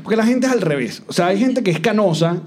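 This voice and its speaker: A man's voice: high voice, expressive, fast, a little mellow. A young man co-hosting a casual comedy podcast, joking and rambling with lots of fillers, in a hotel room with a live audience. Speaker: podcast co-host.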